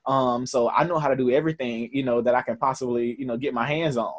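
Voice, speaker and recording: Here the camp founder, a twentysomething man with a Southern US accent, talks fast at a medium pitch with fairly even intonation. The interview is conversational and earnest, peppered with fillers and restarts.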